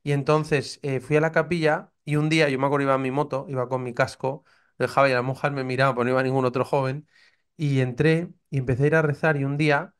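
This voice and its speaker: His voice mid-range, level, fast, clear, and resonant, a Castilian-accented Spanish priest in his thirties shares his testimony as a podcast guest. He speaks with earnest passion and plays out his earlier doubts as he tells it.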